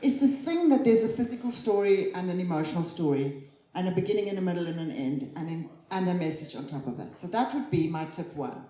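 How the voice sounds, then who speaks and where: A woman giving a chatty conference keynote on stage, lively and quick to laugh at herself. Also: on the low side. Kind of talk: live tech talk on stage. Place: conference hall. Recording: roomy hall sound.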